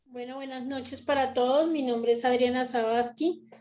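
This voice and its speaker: A woman's voice: high voice, steady tone, moderate pace, warm tone, muffled recording. A woman introducing herself politely and formally, then asking a question during a class. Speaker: lay participant asking a question. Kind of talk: question from the audience.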